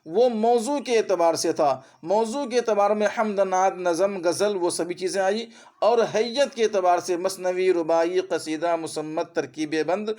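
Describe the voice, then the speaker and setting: A man preps students for an exam on Urdu grammar, with an Urdu accent typical of India, going back over terms and asking quick checking questions. His voice sits high and sounds a little mellow.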